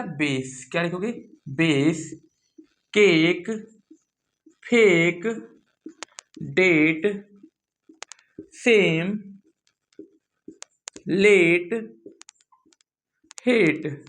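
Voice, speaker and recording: A teacher giving a lesson in an echoey room, mid-pitched and steady. The teacher asks a question and answers it straight away, over and over. Words are repeated slowly and drawn out to show the sound. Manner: drills by asking questions and answering them itself. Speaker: English teacher. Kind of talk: classroom lesson.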